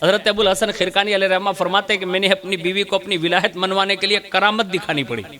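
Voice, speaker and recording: Male preacher, Gujarati accent, high-pitched, bright and forceful, lively storytelling sermon. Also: fast talker. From India. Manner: storytelling with acted dialogue, addresses audience by name. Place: religious gathering.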